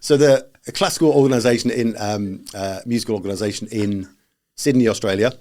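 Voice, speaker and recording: Brief: male British podcast co-host, low-pitched, rambling casual chat with many ums and restarts. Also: brisk, darkish tone. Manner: rambling, full of fillers and restarts.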